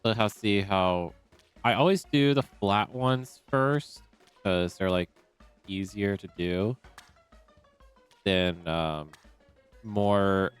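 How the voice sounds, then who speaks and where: A young man in a relaxed, rambling style, commenting casually as he streams a game and talking to himself with many fillers. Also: on the low side, slow pace, pauses often, clear, resonant tone, soft background music.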